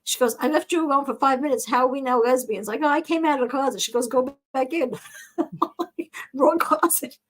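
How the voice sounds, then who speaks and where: Woman, high-pitched, talk show host, lively comedic storytelling, acts out quotes. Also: a little fast, rough recording. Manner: animated, acts out quoted voices.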